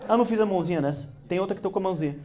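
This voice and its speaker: A man with a Brazilian Portuguese accent giving a motivational business talk, telling stories lively, acting out dialogue and laughing along. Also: high voice, rapid-fire. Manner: animated, acts out dialogue, laughs through stories. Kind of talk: storytelling talk to an audience.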